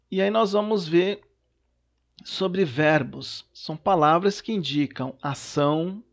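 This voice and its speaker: A man's voice: a little high, muffled recording. A male teacher recording a lesson at home, patiently explaining worksheet questions and often checking in with "né" and "tá". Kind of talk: recorded remote class lesson.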